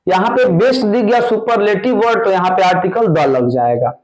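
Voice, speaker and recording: A man teaching an exam-prep grammar lesson, going slowly and repeating each answer word by word. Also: sits high, lively intonation, darkish tone, low-quality recording. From India. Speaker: English teacher.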